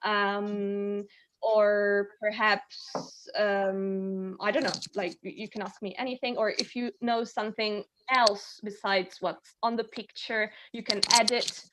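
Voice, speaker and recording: A woman's voice: medium pitch, level tone, slow, a bit bright, a little hiss or hum, poor audio. A woman teaching an online English class on a video call, explaining a speaking task in a friendly way with many fillers.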